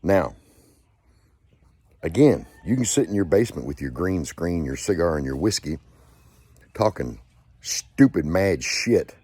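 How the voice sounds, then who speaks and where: A man with a very low, dark voice rants angrily at the camera. He swears freely and keeps hammering the same points. His tone is husky and mellow rather than bright. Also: expressive, a little slow, long pauses, dry recording. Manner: angry, profane, repetitive ranting. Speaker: channel host. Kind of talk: angry rant to camera.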